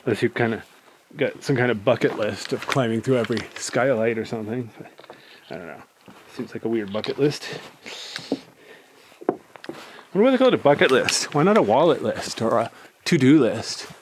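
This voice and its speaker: A man's voice: medium pitch, moderate pace, long pauses. A man giving a casual, rambling tour commentary in a laid-back manner, filming himself exploring inside a cave. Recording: clear background noise, handheld cave recording.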